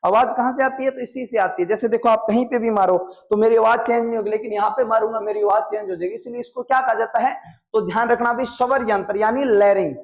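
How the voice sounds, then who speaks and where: A man's voice: very high voice, steady tone, quick pace. A man with a Rajasthani accent teaching a classroom biology lesson, often quizzing his students and drilling terms by repetition. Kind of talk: classroom lecture.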